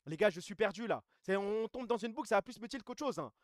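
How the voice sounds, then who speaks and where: Fast-talking slangy streamer. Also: male voice, sits high, lively intonation, no room sound, studio quality. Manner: fast, slangy, reacts to chat. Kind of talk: live stream chat, reading reviews and news. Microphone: streaming mic, gain adjusted mid-stream.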